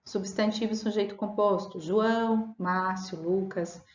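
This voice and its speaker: A woman teacher gives a recorded grammar lesson, dictating example sentences at a measured pace and checking in with her class. The room rings with echo. The sound is dull and lo-fi. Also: mid-range voice, fairly even intonation, darkish tone. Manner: dictates punctuation slowly, self-corrects, checks in with "tá?". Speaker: Portuguese teacher.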